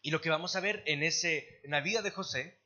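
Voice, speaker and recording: At a church service, a man interprets a sermon live, translating phrase by phrase and occasionally restarting. His voice is on the high side, a little fast, pushed and bright, though the audio is dull.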